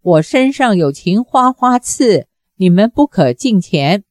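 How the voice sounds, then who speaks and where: A woman's voice: medium pitch, sing-song, a little slow, darkish tone, no echo, studio quality. A woman voicing a frightened young daughter who stammers and hesitates.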